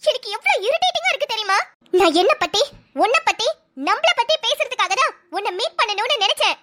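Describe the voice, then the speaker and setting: Woman doing a super high squeaky jealous ex-girlfriend in a cartoon, whiny and sulky. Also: bright, forceful tone, slight background noise, exaggerated voice. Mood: complaining. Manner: whiny, pleading, self-pitying. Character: jealous young woman, the ex-girlfriend, clingy and sulking. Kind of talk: cartoon dialogue.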